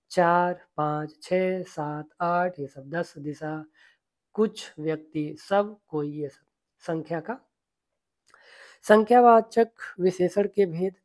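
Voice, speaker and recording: A man's voice: on the high side, darkish tone. A man teaching a grammar lecture, patiently listing examples one by one and checking in with the class. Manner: patient, repetitive explaining tone.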